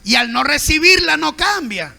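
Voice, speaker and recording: A man preaching at a Sunday Bible school as pastor, emphatic and sometimes shouting. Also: very high-pitched, sing-song, moderate pace, vocal fry. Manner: emphatic, acts out the proud and the humble, sometimes shouting.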